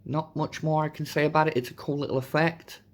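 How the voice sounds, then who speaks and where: A man hosting a casual, chatty toy review, his voice hoarse from a sore throat. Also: a little high, steady tone, fast. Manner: informal, chatty. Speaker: host of a toy review channel.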